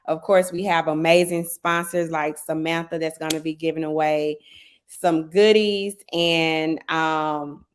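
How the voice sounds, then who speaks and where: A woman's voice: low-pitched, completely flat delivery, measured pace, hardly any pauses, slight background noise. A woman hosting a casual livestream promotion, chatty and urging listeners on, repeating words for emphasis. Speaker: livestream host, event organizer. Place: remote live video stream.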